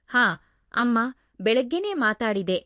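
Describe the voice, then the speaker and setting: A woman's voice: fairly high pitch, big pitch swings, unhurried, pushed and bright, dry recording, studio quality, exaggerated voice. A woman voicing a caring young female housemaid who speaks in a soothing, coaxing way. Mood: pleading. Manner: soothing, pleading.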